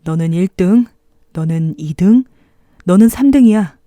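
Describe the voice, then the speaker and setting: A kind, curious boy from a children's fairy tale, played by a woman, talks playfully as if to a toddler. The tone is mellow and the sound is dry and close. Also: lowish voice, lively intonation, measured pace, dry recording. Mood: playful, directing. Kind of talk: children's storybook character voice.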